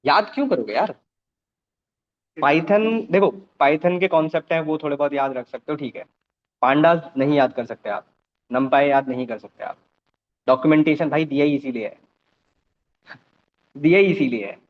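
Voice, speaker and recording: High-voiced programming teacher, lo-fi. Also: male voice, moderate pace, long pauses. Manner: explains step by step, checks students understand. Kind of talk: live coding class.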